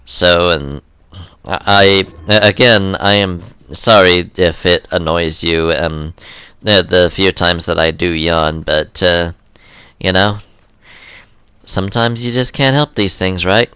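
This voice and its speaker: A young man rambles through casual gameplay commentary, hesitating constantly with ums and uhs. His voice sits low but sounds bright and crisp. It is recorded dry, with no room sound. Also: slow, dry recording.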